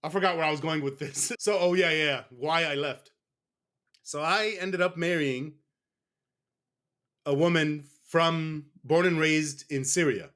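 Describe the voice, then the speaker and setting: A man's voice: a little high, a little slow, fairly bright tone. A man from the United States speaking in a casual interview as a guest, candid and rambling, often stopping to correct himself.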